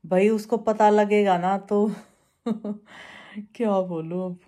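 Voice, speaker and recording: A young woman vlogger with a dark tone and fairly even intonation speaks slowly as she chats casually with her viewers, calling them bhai. It's an everyday vlog, and at times she lowers her voice so she won't wake someone.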